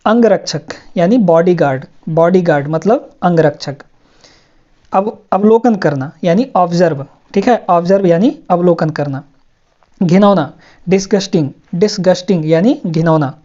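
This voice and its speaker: A woman's voice: on the low side, measured pace, warm tone, muffled recording. A woman teaching English vocabulary to students, explaining word meanings patiently and repeating each word with frequent check-ins.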